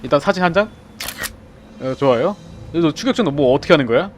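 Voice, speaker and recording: Over a noisy background, a young man with a fairly high voice talks fast while commentating a horror game he's playing. He's excitable, chatting with teammates and yelping or shouting whenever something makes him jump; he's a game streamer.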